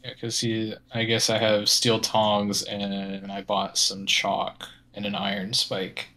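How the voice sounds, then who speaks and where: A male tabletop player talks slowly in a low, level voice. He muses tentatively, thinking aloud about his gear. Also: completely flat delivery, pushed and bright. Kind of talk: casual chat.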